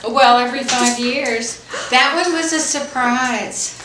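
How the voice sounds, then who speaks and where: An older woman, a grandmother, tells family stories in a slow, chatty and emotional way. She is recorded in an echoey room at home with loud background noise and dishes clinking. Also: sits high, steady tone. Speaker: grandmother being interviewed. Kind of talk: casual family chat.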